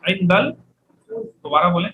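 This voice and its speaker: With lively intonation and a slow pace, a high-pitched man drills Arabic vocabulary in a classroom lecture, having students repeat each word. The sound is phone quality, echoey and slightly noisy in the background.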